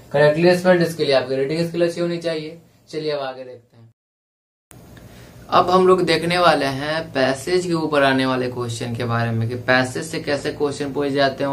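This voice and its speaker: A male exam prep teacher explaining a lesson, reading English lines slowly and spelling words letter by letter. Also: medium pitch, slight background noise. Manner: reads English passage slowly, drawn out. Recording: echoey room, voice from a distance.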